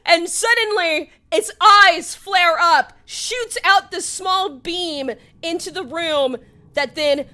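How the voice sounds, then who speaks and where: Young woman game master, excitable and laughing, high bright voice, slow dramatic delivery. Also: slight background noise. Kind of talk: narrating a tabletop role-playing game.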